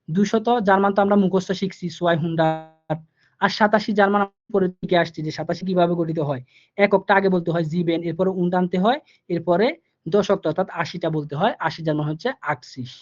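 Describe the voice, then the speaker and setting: A man's voice: sits high, fairly quick. Patient man teaching an online class. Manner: repetitive, patient, asks the students questions. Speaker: German teacher. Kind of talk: live online class, explaining step by step. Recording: dull lo-fi online class audio.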